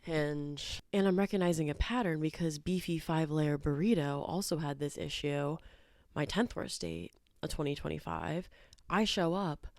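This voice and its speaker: A young woman telling dating stories in a casual, animated storytime chat, joking and laughing as she goes. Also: low-pitched, moderate pace, dry recording, clean studio sound. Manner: chatty, animated, bursts of laughter and jokey made-up words.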